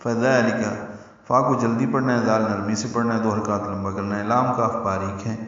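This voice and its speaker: A man's voice: on the low side, fairly even intonation, a bit bright. Echoey man teaching Quran recitation rules. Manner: explains letter by letter, then chants verses slowly. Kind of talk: tajweed lesson with chanted recitation. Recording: echoey, distant, dull audio.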